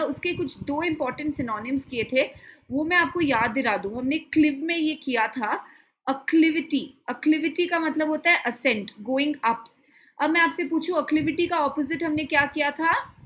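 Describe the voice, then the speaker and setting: A young woman teaches word roots in an online class, speaking with an Indian English accent and a high voice. She switches freely between Hindi and English and keeps checking on her students with quick questions. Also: fairly bright tone, poor audio. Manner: mixes Hindi and English, quizzing students with "guys". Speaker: vocabulary teacher. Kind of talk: online lesson.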